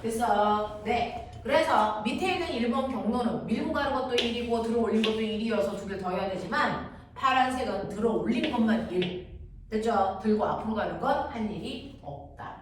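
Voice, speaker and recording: A woman's raised, fairly high voice explains physics to a class, stopping again and again to ask whether everyone follows. She sounds far from the microphone in a strongly echoing room. Clear background noise runs underneath. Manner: constantly checks understanding with quick questions. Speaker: physics teacher. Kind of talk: classroom lecture. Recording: very echoey room, distant mic, audible noise.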